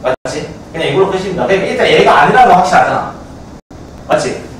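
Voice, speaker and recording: A male math teacher with a Gyeongsang Korean accent lecturing a class, constantly quizzing students with quick checks. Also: high voice, sing-song, slight background noise. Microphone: far camcorder. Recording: echoey classroom from a far camcorder.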